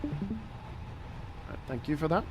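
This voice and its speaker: Role: halting man flying a sim cockpit on headset. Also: on the high side, expressive, over music. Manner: slow, halting, with many fillers and restarts. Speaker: flight simulator pilot. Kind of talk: cockpit checklist and radio calls over a headset.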